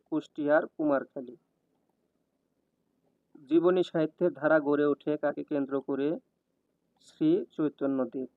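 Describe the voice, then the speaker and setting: A man reading exam questions and their answers one after another in an even, steady cadence, like a tutor. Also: fairly high pitch, dry recording. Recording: tinny, dry, phone-like sound.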